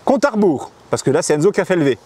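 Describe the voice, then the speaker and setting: High-pitched and racing, a man demos a camera for his motorcycle vlog against slight background noise. He keeps it casual and lively, chatting directly to viewers in heavy slang.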